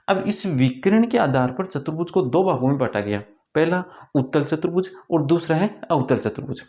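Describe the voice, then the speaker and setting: Male math teacher, slightly high mellow voice, asks and answers himself, dull lo-fi recording. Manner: asks questions then answers them himself. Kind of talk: classroom lesson explanation.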